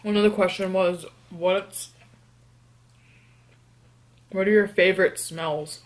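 A young woman from New York talks casually into a close camera mic. She answers get-to-know-me questions between bites of food and hums as she eats. Her pitch sits in a middle range. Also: steady tone, slow. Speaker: mukbang vlogger. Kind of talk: casual eating vlog, answering tag questions.

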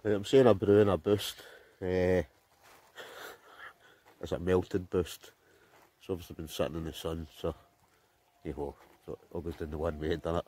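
This Scottish man in his forties has a low, warm voice with little pitch movement, speaking at a moderate pace and pausing often. Vlogging into a phone held at arm's length by a river and in a tent, he rambles casually, leaning heavily on fillers.

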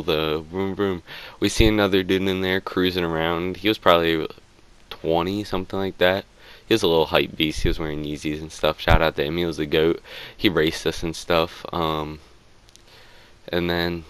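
A man's voice: sits low, a bit bright, clean tone, dry recording. A man telling a storytime tale in a casual, rambling way, with lots of filler words and swearing.

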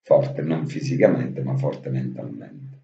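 A man's voice: rumbling low, takes it slowly, creaky, mellow. A man talking casually and with affection to his absent brother. He repeats himself and swears casually. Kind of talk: casual heartfelt monologue to camera. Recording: dull lo-fi audio in an echoey room.

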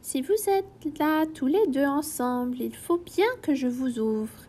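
A woman voicing a shy little female tulip, speaking high and firm in a storybook reading. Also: expressive, measured pace, darkish tone.

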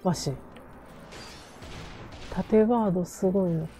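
A woman's voice: fairly low pitch, slow pace, mellow. A woman streaming a game, chatting casually and playfully to herself in a western Japanese Chugoku dialect. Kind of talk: casual game-play chat. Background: game music.

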